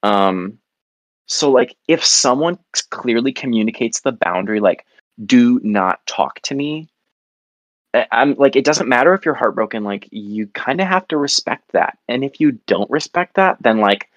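A man's voice: medium pitch, animated, moderate pace, a bit bright, no echo. A man chatting casually on a comedy podcast, rambling and self-mocking with lots of fillers.

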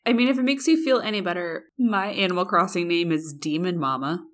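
A woman's voice: lowish voice, a little fast, fairly bright tone. A woman co-hosting a podcast in casual comedic chat, teasing and slipping into little imagined dialogues. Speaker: podcast co-host.

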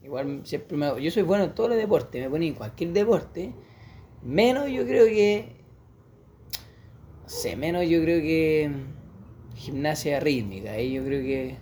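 A man's voice: on the high side, expressive, a little slow, mellow, slight background noise. A man with a Chilean Spanish accent, co-hosting a casual chat with joking, slangy banter. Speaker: podcast co-host.

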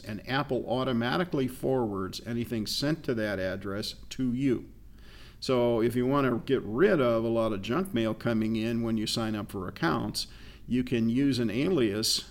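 A man co-hosting a casual tech advice show, explaining things in a relaxed way with frequent fillers. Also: medium pitch. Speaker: co-host.

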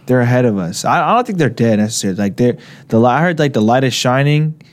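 A young man co-hosting a casual podcast chat, animated and laughing often, given to repeating phrases. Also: medium pitch, quick pace. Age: young adult. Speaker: podcast co-host.

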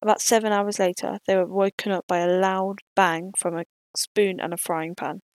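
A woman's voice: mid-range voice, flat delivery, moderate pace, no echo. A woman reading aloud her own adventure story, with small slips and restarts.

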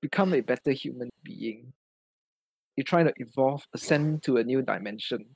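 A man's voice: medium pitch, expressive, moderate pace, creaky, darkish tone, husky, no room sound, low-quality recording. Young male podcast host, Singaporean, casual Singlish, slightly muddy and dry recording. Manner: colloquial Singlish with particles like lah and ah.

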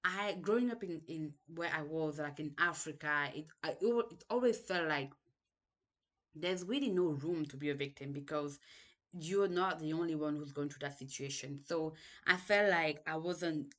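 A woman's voice: deep voice, normal speed, fairly bright tone. A young woman from Cameroon with a Cameroonian accent, reflecting on her past in a hesitant monologue full of restarts and ums. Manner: hesitant, restarts sentences often, many ums. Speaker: podcast host.

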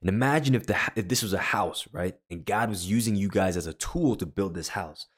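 Telling a personal story in casual talk, a deep-voiced man who co-hosts a podcast and leads worship rambles with frequent fillers and restarts. His voice is husky, and he speaks a little fast.

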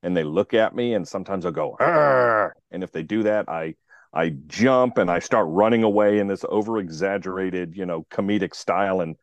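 Deep-voiced man hosting a podcast. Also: brisk, no room sound, lo-fi sound. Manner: rambling, many restarts. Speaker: podcast host. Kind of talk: casual podcast chat.

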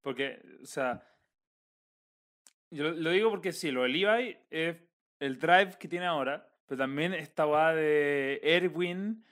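Relaxed Chilean man explaining. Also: on the high side, measured pace. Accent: Chilean Spanish. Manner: explanatory, relaxed, with slang tags. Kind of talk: casual anime discussion.

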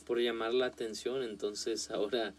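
A man's voice: mid-range voice, steady tone, normal speed, over a noisy crowd. A man, a guest on a casual podcast, who talks hesitantly with many fillers and restarts.

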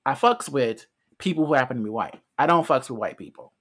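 A man's voice: medium pitch, lively intonation, fairly quick, fairly bright tone. An American man co-hosting a casual podcast, explaining his views earnestly and at length, often restarting his phrases. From United States. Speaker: podcast co-host.

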